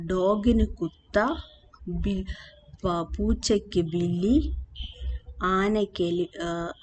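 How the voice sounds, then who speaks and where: A woman teaching a language lesson, slowly repeating and spelling out each word, with hesitant fillers and self-corrections. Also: mid-range voice, slight background noise. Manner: slow, repeats and spells out words.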